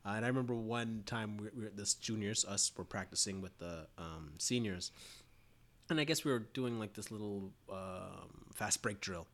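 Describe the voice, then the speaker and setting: A man's voice: on the low side, normal speed. A man hosting a podcast, telling stories in a casual conversation and acting out quoted lines with laughter. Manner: animated storyteller, acts out quotes with laughter. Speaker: podcast host.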